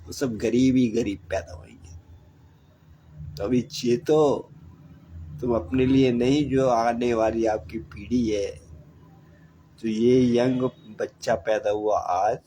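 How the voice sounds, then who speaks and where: A man's voice: medium pitch, fairly even intonation, slow pace, pauses often, warm tone, a little hiss or hum, rough recording. An older man giving earnest, repetitive advice about saving money. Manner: preachy, repetitive, exhorting. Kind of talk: earnest monologue.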